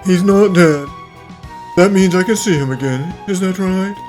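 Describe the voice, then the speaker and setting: A man's voice: sits high, unhurried, darkish tone. Man acting an earnest, regretful older anime character. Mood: hopeful. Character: earnest, regretful older friend, long estranged. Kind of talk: anime-style fan dub acting. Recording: voice over faint music.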